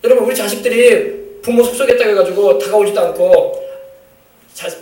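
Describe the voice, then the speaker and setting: In a church sanctuary, a man with a high-pitched, darkish voice preaches fairly quickly and emphatically. He calls for amens and acts out quotes from family members, and the distant mic gives an echoey church sound.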